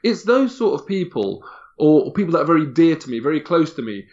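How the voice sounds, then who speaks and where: Guy talking straight, repeats himself a lot, kinda higher voice, muffled lo-fi audio. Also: sing-song, brisk, a little mellow. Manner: candid, emphatic, often repeats words, ends phrases with "man". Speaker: guest. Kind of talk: casual podcast conversation.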